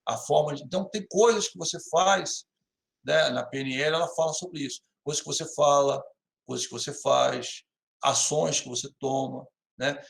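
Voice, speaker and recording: A man's voice: on the high side, creaky, echoey room. A middle-aged Brazilian man teaching an online class, talking casually, acting out little dialogues and asking his students questions. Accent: Brazilian Portuguese. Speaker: university lecturer.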